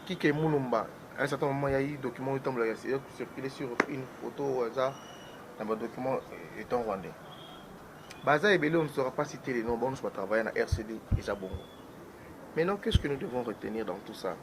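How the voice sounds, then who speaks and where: A man giving political commentary as a guest on a talk show, talking in an animated way and switching between French and Lingala. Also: medium pitch, fast talker, background noise.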